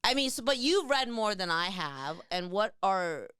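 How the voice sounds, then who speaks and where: A young woman co-hosts a casual podcast, with a mid-pitched, very clear voice. She speaks frankly and with exasperation, using fillers as she goes. The sound is dry and close. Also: very animated, normal speed, fairly bright tone, no room sound. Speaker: podcast co-host. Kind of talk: casual conversation.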